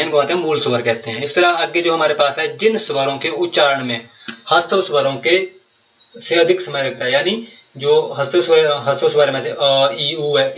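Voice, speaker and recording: A man's voice: a little high, a bit bright, reverberant, far from the mic, dull audio. A man teaching a grammar lesson for exam preparation, explaining step by step and repeating key terms with many fillers. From Himachal Pradesh, India.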